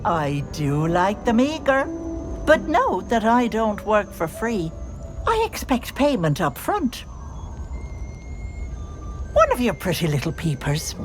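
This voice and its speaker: A woman voicing a bossy, sly old auntie hag in a video game, folksy and cajoling, with menace under the sweetness. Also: mid-range voice.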